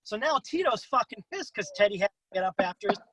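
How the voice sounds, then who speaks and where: A man hosting a casual interview over a video call who swears freely and jumps into excited voices when he quotes other wrestlers. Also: fast, slightly rough, dry recording, poor audio. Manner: profane, swears freely in anecdotes; acts out quotes with big pitch jumps. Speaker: interview host.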